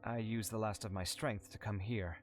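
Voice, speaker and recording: A man's voice: on the low side, fairly even intonation, moderate pace, natural voice. A man voicing an earnest, talkative young male architect in a game, with faint music behind.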